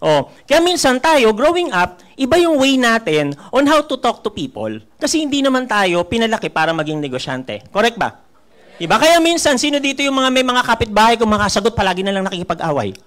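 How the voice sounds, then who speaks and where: Filipino man, high voice, mentor working a live seminar room, animated and teasing. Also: brisk. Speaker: network marketing mentor. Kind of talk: live seminar talk to an audience.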